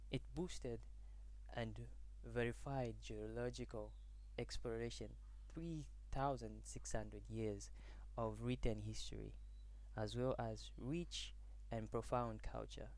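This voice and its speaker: A young man from Zambia gives a class presentation, halting and restarting as he searches for words. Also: medium pitch, a little mellow. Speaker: student presenter.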